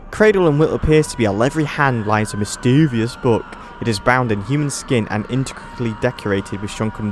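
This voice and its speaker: A man commentating casually on a horror game he plays, reading on-screen text aloud haltingly with frequent restarts and startled exclamations. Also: on the low side, slight background noise. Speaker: let's play gamer.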